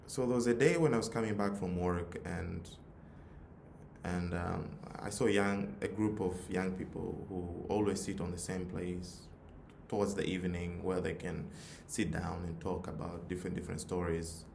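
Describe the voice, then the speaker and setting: He is a youth nonprofit leader with a Tanzanian accent, giving a forum an earnest motivational talk that draws on a personal story and repeats phrases for emphasis. His deep voice is steady, moderately paced, a little mellow, and touched with vocal fry. Echo from a roomy space and audible background noise are present.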